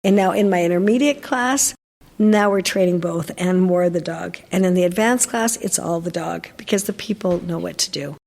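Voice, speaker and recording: A woman's voice: on the low side, normal speed, gravelly, a little mellow, in a large hall. An older woman, a dog trainer, chatting in an interview and telling stories with lots of fillers and restarts. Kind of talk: casual interview chat.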